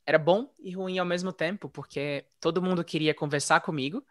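A man telling his story in a relaxed, chatty way, as a guest in a casual interview. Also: on the high side, fairly quick, dry recording, clean studio sound. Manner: relaxed, chatty, frequent "né?" tags. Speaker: interview guest, former English teacher living abroad.

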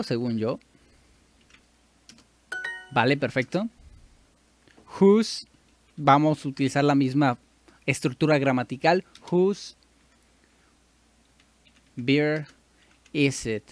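A man with a slightly high voice and a Mexican Spanish accent records casual commentary with no echo as he works through a language app for YouTube. He talks freely, reasoning aloud and correcting himself as he goes.

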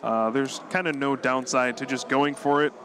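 A man calling a live card-game tournament match play by play, quick and analytical, chuckling often. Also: mid-range voice, fairly even intonation, a crowd in the background. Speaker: tournament commentator.

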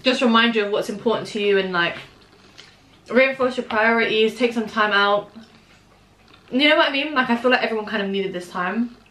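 A woman's voice: fairly high pitch, a little fast, a bit bright. A British woman in her twenties chatting casually and emphatically in slang to camera in a mukbang vlog. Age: 20s. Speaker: vlogger chatting while eating. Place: small room at home, indoors. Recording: echoey room.

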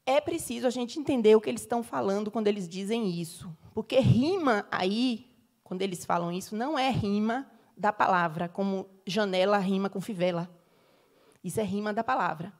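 A woman's voice: mid-range voice, a little fast, a little mellow. A middle-aged Brazilian woman, a professor giving an academic lecture, explaining step by step and checking in with the audience with tag questions. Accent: Brazilian Portuguese. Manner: explanatory, frequent tag questions, gives sung examples.

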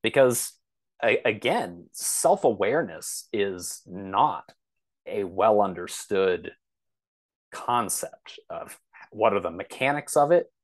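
This podcast guest, an author and computer science instructor, takes it slowly as he explains things over a video call. His voice is fairly low with lively intonation, and his interview answers come across as conversational, thoughtful and hesitant.

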